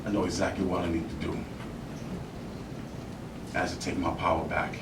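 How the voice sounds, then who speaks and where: Cold and resolute, a man performs a monologue as a resentful bar owner and father, lightly acted, confrontational, and heavy with self-blame. He speaks haltingly, hammering phrases through repetition. The recording is echoey and far from the mic, with an obvious rumbling noise beneath it.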